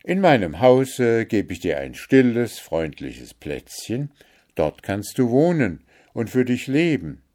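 A man voicing a kind, calm older father who gently reassures in a storybook reading. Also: medium pitch, slow pace, pitched above the performer's own voice. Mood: reassuring.

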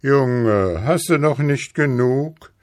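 A man voicing a kindly old male moon who speaks gently and patiently. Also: medium pitch, expressive, slow, pitched above the performer's own voice.

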